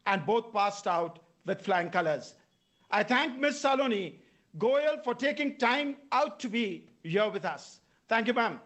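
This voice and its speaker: A man with an Indian accent reading formal scripted introductions as master of ceremonies at a debate, in a measured way. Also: extremely high pitch, a bit bright.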